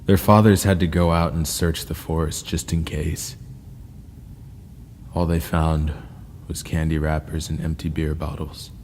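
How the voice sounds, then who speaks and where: A man narrating scary first-person stories in a slow, ominous storytelling manner. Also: very deep voice, level tone, a little mellow. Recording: long reverb with faint ambient noise.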